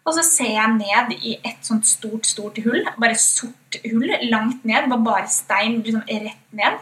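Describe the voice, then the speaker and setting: A woman with a Norwegian accent recounts a story in a chatty, animated way, full of fillers and quoted thoughts. Her voice sits a little high. She is heard from some distance, in a roomy, echoing space. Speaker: guest. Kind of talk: casual storytelling.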